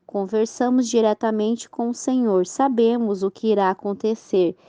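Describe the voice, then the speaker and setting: A woman's voice: on the high side, steady tone, moderate pace, dark tone, clean tone, dry recording, lightly acted. A woman voicing a group of boastful male self-proclaimed prophets in a read-aloud religious story.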